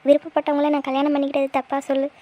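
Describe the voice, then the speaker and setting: A woman's voice: high-pitched, monotone, very fast, mellow, lightly acted. A woman voicing a tearful middle-aged aunt. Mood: grieving. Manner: sorrowful, pleading complaints. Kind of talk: cartoon voice acting.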